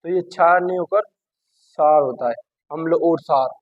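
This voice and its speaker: A man's voice: a little high, moderate pace, dry recording. A male teacher giving a grammar lesson, who keeps asking "what?" and then answers himself by repeating the word. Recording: dull dry lo-fi sound.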